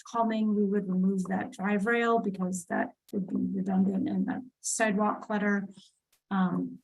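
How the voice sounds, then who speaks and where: A woman's voice: mid-range voice, darkish tone, low-quality recording. A woman presenting a street plan at a public community meeting, talking with many fillers and restarts. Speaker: city transportation planner presenting.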